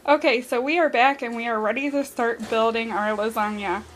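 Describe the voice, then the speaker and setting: A woman's voice: on the high side, steady tone, moderate pace, rough recording. A young woman giving casual step-by-step cooking instructions in a home kitchen, her voice a little worn. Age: young adult. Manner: chatty, step-by-step instructions to viewers. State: losing her voice. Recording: cooking and dish noise in the background.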